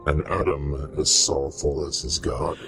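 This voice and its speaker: A mournful man-made monster with an extremely deep voice. He speaks slowly and solemnly in theatrical, archaic phrases, full of weary tenderness, as in a horror audio drama. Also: flat delivery, creaky, fairly bright tone, faint music behind, full character voice. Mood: weary sorrow. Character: sorrowful monstrous man-made creature, weary, tender toward his creator.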